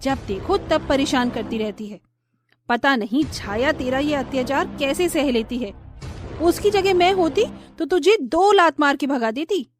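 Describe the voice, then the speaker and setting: A woman voicing a scheming, spoiled young sister-in-law in a cartoon story, shrill and theatrical. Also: expressive, moderate pace, soft background music. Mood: spiteful scolding.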